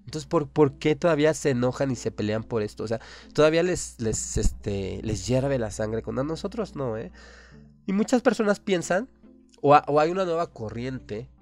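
A man's voice: medium pitch, lively intonation, moderate pace, darkish tone, faint music behind. A man with a Mexican accent hosting a radio show, delivering an impassioned, opinionated monologue full of rhetorical questions.

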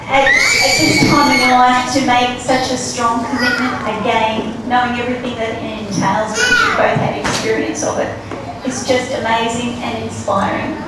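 High-voiced woman giving a laughing wedding toast. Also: animated, moderate pace. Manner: chatty and laughing, teasing asides. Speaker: best man giving a wedding speech. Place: reception room, indoors. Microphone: handheld mic, filmed from across the room. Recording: very echoey room, far camera, loud hiss.

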